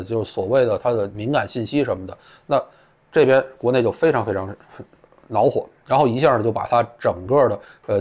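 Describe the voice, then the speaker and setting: Blunt man, lively swinging pitch. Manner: blunt, colloquial, profane asides. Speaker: political commentator. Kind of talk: casual spoken commentary. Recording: dull lo-fi audio.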